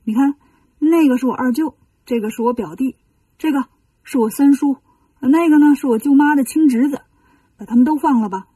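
A woman's voice: high voice, a little fast, pauses often, warm tone, husky, no room sound, far from the mic. A woman voicing a cheeky, boastful male monkey king hero in a children's storybook reading, in a playful, teasing manner. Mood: teasing, confident.

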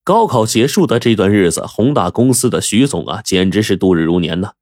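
A man narrating a story in a lively storytelling manner, drawing out sentence endings. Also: lowish voice, brisk, no room sound, studio quality.

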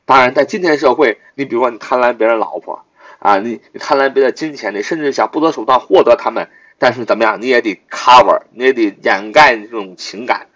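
A man's voice: medium pitch, fast, a bit bright. A man teaching English vocabulary, repeating each word three times and spelling it out letter by letter, then explaining it with emphatic questions. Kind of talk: vocabulary lesson. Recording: dull lo-fi recording.

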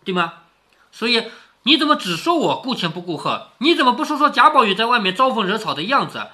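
A middle-aged man reads a classic story aloud at home, breaking off to explain it in plain talk. His pitch swings widely as he asks rhetorical questions, and his tone is bright and forward. He sounds close to the mic. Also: big pitch swings, fairly quick. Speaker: storyteller reading a classic novel to his daughter. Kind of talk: casual read-aloud with commentary.

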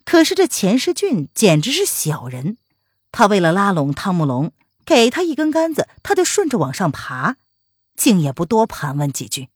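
Expressive husky woman storyteller. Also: medium pitch, normal speed, no echo, clean studio sound. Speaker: narrator. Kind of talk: audiobook martial-arts story reading.

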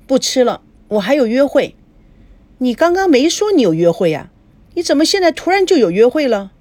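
A headstrong young woman who brushes off her parents, as a woman reading the story puts her on. Her lines are short and defensive in a breathy voice with lively pitch. The sound is dry and close. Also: brisk, no echo. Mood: curt. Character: willful young adult daughter.

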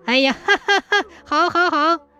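Woman voicing a shrill, greedy male swindler. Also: normal speed, faint music behind. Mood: gleeful. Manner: high, shrill and excitable. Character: boastful, greedy male swindler, easily riled.

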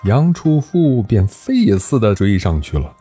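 A man's voice: on the low side, very animated, unhurried, mellow, husky, faint music behind. A man telling an ancient history story, narrating with animation and voicing every character.

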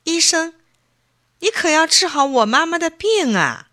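A woman voicing an eager, quick-witted young boy in a children's story, with high, excited childlike calls. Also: full character voice. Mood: pleading.

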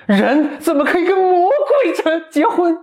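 A man voicing a rash, dramatic young prince in a comically exaggerated, high, whiny way while retelling a story. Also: very animated, measured pace, a little mellow, heavily acted. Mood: indignant.

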